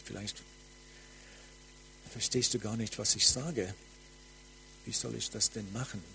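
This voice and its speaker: Slow fervent male preacher, faint hum. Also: on the low side, fairly even intonation, creaky. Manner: slow, fervent, drops to soft near-whispers. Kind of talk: charismatic sermon with prophetic ministry.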